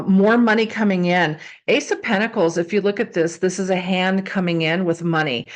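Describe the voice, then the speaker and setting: A woman giving a casual, improvised tarot reading, speaking conversationally and repeating phrases for emphasis. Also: medium pitch. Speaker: tarot card reader and psychic.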